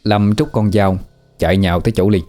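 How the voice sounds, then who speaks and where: A man narrating a ghost story in a steady, sorrowful manner. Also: lowish voice, a little fast, faint music behind.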